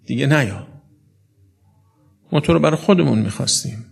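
A man preaching a mourning sermon, talking straight to his listeners and rising into high, sobbing wails. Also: animated, vocal fry, slightly rough, soft background music. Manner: builds to high sobbing wails, speaks to the audience directly.

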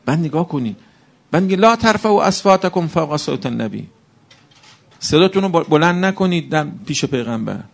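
A man delivers a passionate sermon with a slightly high voice roughened by gravel. He keeps pressing his listeners with rhetorical questions, his tone earnest and insistent. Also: lively intonation. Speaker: preacher. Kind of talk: religious sermon.

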